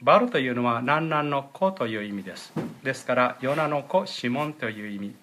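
Bright-voiced man preaching a sermon. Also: mid-range voice, expressive, slight background noise. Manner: explains scripture terms slowly, clears throat often. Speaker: pastor. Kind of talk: sermon with scripture reading.

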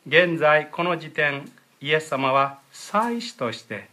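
Man, pastor, sermon, bright voice, slightly high pitch, explanatory, frequent throat clearing. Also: expressive. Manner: explains scripture terms slowly, clears throat often. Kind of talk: sermon with scripture reading.

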